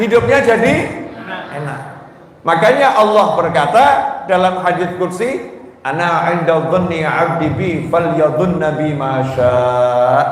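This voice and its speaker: A man delivers a sermon in a high voice, taking his time over each phrase. He jokes with the crowd and keeps drawing answers out of them. His voice rings through a large, echoing hall, with faint ambient noise behind it. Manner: quizzes the crowd with call-and-response questions; playful and joking, acts out scolding wives. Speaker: preacher. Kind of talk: Islamic study sermon to a congregation.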